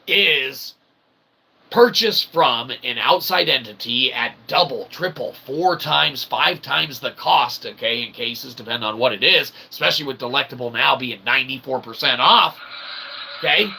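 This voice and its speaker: This medium-pitched man has a husky, sharp voice with vocal fry and keeps a moderate pace. An independent author and channel host, he rambles through an opinionated solo monologue, emphatic and ranting, casually profane, constantly tossing in "okay?" and "right?"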